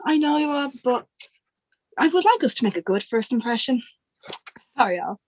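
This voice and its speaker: A woman's voice: high voice, sing-song, moderate pace, darkish tone, no room sound. A woman playing a polite, slightly flustered forty-year-old secretary on a group video call. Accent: Irish.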